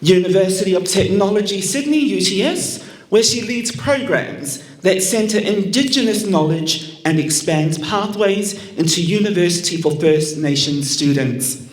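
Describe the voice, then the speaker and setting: A man working as an event MC, reading formal scripted introductions in a measured way. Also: high-pitched, expressive. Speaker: event MC introducing pageant judges. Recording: roomy, echoing venue sound.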